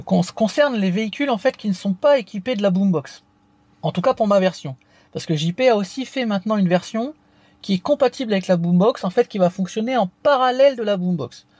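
Male tutorial host, fairly high voice, dry close sound, hesitant delivery with lots of fillers. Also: a little mellow, no room sound. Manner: hesitant, frequent fillers and restarts. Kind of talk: casual step-by-step tutorial.

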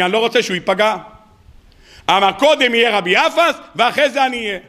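A male rabbi delivers a weekly sermon, narrating a tale with theatrical flair. His voice sits high and sounds bright and ringing, and he acts out each character's lines while calling out to his listeners. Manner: dramatic storytelling, acting out quoted dialogue, addressing audience as "rabbotai".

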